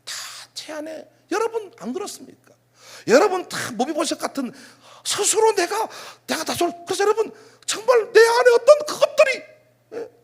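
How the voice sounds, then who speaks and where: A middle-aged man preaching a sermon as pastor, animated, firing off rhetorical questions and sudden outbursts. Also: extremely high pitch, normal speed, creaky.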